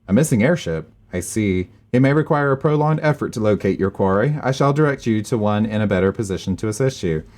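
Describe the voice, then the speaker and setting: A man's voice: on the low side, animated, fairly quick, few pauses, a little mellow, natural voice. A man reading as an earnest young noble lord. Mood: courteous. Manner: reads game dialogue aloud in a formal, dramatic tone.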